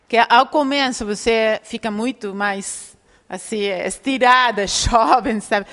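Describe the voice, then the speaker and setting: Woman w/ giving a talk, high voice, lots of echo in the hall. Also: fairly bright tone. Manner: explanatory, often checks in with the audience. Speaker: lecturer. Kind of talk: public lecture. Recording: reverberant lecture hall.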